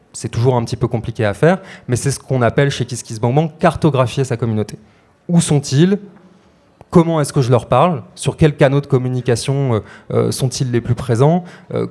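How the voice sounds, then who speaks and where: A man's voice: medium pitch, dark tone. A man coaching project creators, talking them through steps with many hesitations and rhetorical questions. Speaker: crowdfunding coach. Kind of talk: explanatory talk to creators.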